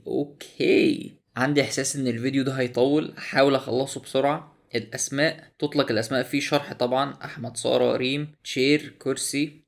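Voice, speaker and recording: A man's voice: mid-range voice, gravelly. A young man with an Egyptian Arabic accent casually walks through a language app on screen, often exclaiming in surprise. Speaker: YouTuber reviewing a language app.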